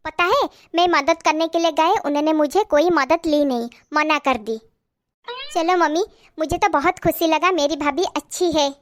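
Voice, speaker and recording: A woman's voice: high voice, normal speed, natural voice. A woman playing a chatty married daughter who is visiting her family home, in a comedy skit. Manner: chatty, coaxing.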